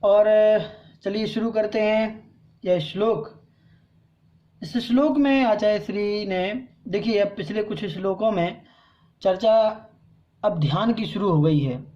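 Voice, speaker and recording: Slow-paced woman teaching verse recitation. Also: medium pitch, mellow, lo-fi sound. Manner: patient, recites verses slowly and has listeners repeat. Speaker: teacher of a scripture class. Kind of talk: recitation lesson.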